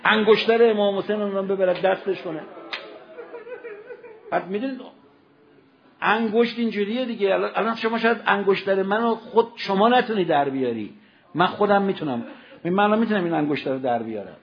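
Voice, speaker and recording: A man's voice: high voice, lo-fi sound. A man giving a Ramadan sermon, telling stories and acting out quoted voices, building to emphatic peaks. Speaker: preacher. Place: religious gathering hall.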